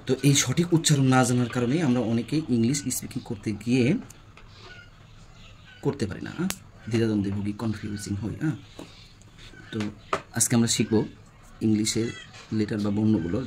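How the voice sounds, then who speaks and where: A Bangladeshi man with a lowish voice who teaches English letter by letter. He asks his class questions and answers them himself, checking in with a quick "yes?" as he goes. Faint background noise hums under the recording. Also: fairly even intonation, darkish tone. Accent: Bangladeshi Bengali. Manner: repeats questions to the class, frequent "হ্যাঁ?" checks. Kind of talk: spoken English lesson.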